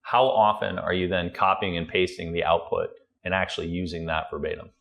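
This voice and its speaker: A male podcast host with a very low voice and a gravelly fry in it. He puts questions to his guest in a relaxed, casual manner and adds dry joking asides. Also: brisk.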